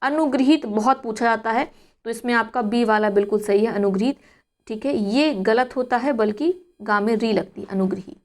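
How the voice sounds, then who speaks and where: A woman with a slightly high voice leads an exam-prep spelling lesson. She works through each word step by step, asks herself rhetorical questions and repeats the answer slowly. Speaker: teacher.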